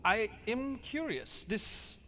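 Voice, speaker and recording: A male tabletop player with a high, bright voice and lively intonation. He role-plays in an inquisitive, improvised way. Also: slow pace. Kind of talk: improvised live role-play banter.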